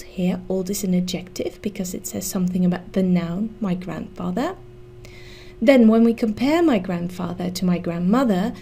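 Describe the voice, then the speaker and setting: Slow, mellow-voiced woman teaching grammar. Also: on the low side, a little hiss or hum. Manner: slow, careful, spelling out letters. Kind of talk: scripted grammar lesson.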